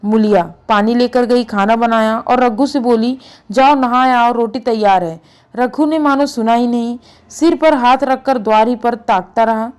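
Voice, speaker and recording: Woman storyteller, classic short story read aloud, measured and even, fairly high voice.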